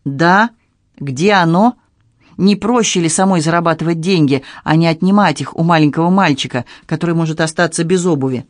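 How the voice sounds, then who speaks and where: A man's voice: fairly high pitch, a little fast, no echo, clean studio sound, lightly acted. A man reading an audiobook, voicing a blunt, sarcastic young woman with a mocking, cutting manner. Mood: cold. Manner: mocking, cutting, coldly matter-of-fact.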